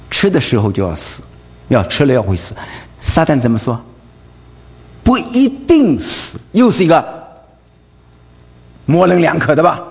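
This preacher, a man with a Wu accent, has a medium-pitched, creaky and slightly rough voice, heard in long hall reverb. He delivers his sermon with a stream of rhetorical "right?" questions and stammers on repeated fillers.

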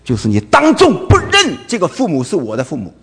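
Animated Wu-preacher man in a hall. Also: on the high side, brisk, breathy edge. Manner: rhetorical questions, frequent "right?" tags; stammering repeats of filler words. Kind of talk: sermon. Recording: long hall reverb.

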